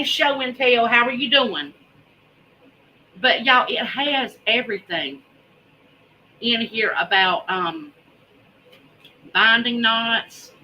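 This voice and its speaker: A woman hosts a casual livestream. Her voice is very bright and forceful, and she takes her time, drawling and repeating words for emphasis. There is some noise behind her. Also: mid-range voice, rough recording. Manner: folksy, drawling, emphatic repetition. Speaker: host of a homesteading preparedness vlog.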